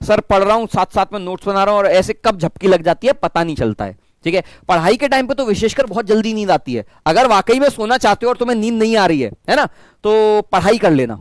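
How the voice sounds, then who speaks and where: High-voiced man teaching online. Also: sing-song, dry recording. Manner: chatty, mimics students in quick asides. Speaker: physics teacher. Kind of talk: online class pep talk.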